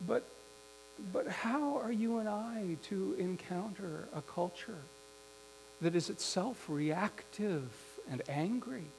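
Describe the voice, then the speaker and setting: A man preaching a sermon, telling a story slowly and reflectively with some restarts. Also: high-pitched, creaky, rough recording. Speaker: pastor. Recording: faint mains hum.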